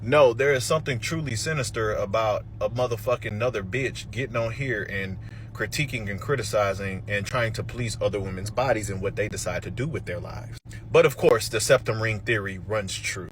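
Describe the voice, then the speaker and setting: A man's voice: fairly low pitch, a bit bright, slight background noise. A man in a heated reaction rant, swearing and speaking in a sarcastic, combative way.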